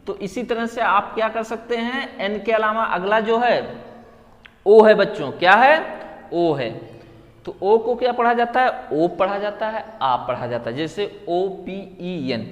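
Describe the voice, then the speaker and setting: A man's voice: high-pitched, animated, measured pace. A man teaching a classroom lesson, drilling his students with repeated questions and answers. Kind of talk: classroom lesson on English letter sounds. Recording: long reverb, hall-like room.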